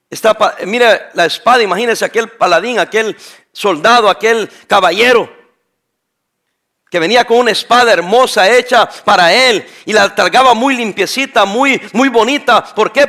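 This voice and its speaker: A middle-aged male pastor preaching with a high, bright voice. He drives his points home with emphatic repetition and keeps firing rhetorical questions at the congregation. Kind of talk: sermon.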